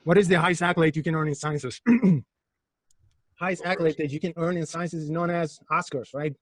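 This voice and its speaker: Teaching physics at a fast clip, a man from Turkey speaks in a voice pitched a little high and keeps a steady tone. He peppers his class with jokes, provocations, and rhetorical questions; the audio has no room reverb.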